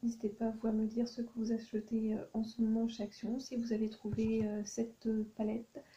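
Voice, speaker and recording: At home at night, a YouTuber talks through her shopping haul for her channel in a casual vlog, hesitating and thinking aloud with lots of ums. Her voice is fairly high and a little fast, with a completely flat delivery and a warm tone. The recording has the highs cut off and a little hiss or hum.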